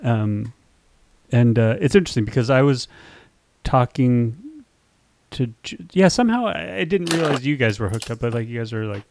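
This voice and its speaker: A man hosting a casual podcast, rambling and halting with many fillers. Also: medium pitch, expressive, darkish tone. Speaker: podcast host.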